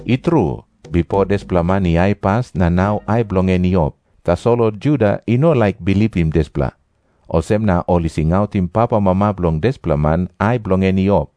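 A man's voice: deep voice, a little fast, mellow, dry recording. A man with a Papua New Guinean accent narrating scripture from a script. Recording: prominent music behind the voice.

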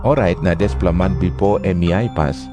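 A man's voice: low-pitched, normal speed. A man with a Papua New Guinean accent narrating scripture from a script. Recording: prominent music behind the voice.

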